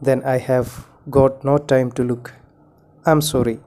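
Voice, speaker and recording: A man voicing a tired, worried young mother in a slow, measured storybook reading. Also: medium pitch, little pitch movement, mellow, clear, resonant tone. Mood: resigned. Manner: measured bilingual reading of her lines.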